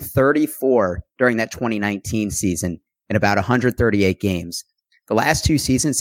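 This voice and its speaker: A man's voice: medium pitch, no echo. A man talking through fantasy baseball stats in an analytical, earnest way during a casual chat. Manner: analytical, stat-heavy, earnest.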